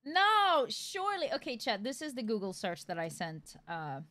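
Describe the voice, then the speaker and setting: A woman streamer chatting casually while gaming, excitable and swearing casually. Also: a little high, normal speed.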